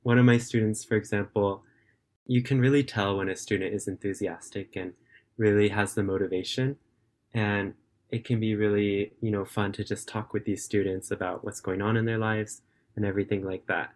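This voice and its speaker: A late-teen high school student who also works as a remote English tutor answers interview questions over a video call. He's relaxed and earnest, often hedging with fillers, and his somewhat low voice moves at a moderate pace.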